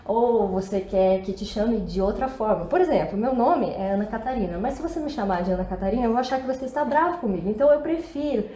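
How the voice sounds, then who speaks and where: A Brazilian woman gives a casual English lesson in a chatty, upbeat voice. She keeps asking her viewers rhetorical questions. Her voice sits a little high and sounds mellow, recorded in an echoey room with faint background noise. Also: animated, fast, few pauses. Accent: Brazilian Portuguese. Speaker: English teacher.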